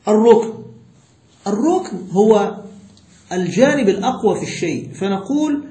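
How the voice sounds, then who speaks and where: Quizzing students during a classroom lesson on Islamic jurisprudence, this sheikh speaks with an Egyptian Arabic accent and draws out his words. His high voice has lively intonation and a dark tone at normal speed, and the sound is roomy.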